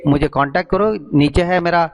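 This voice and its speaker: A man's voice: on the high side, steady tone, fairly quick, slight background noise, rough recording. A man giving a sales presentation, explaining step by step and slipping English phrases into his Hindi.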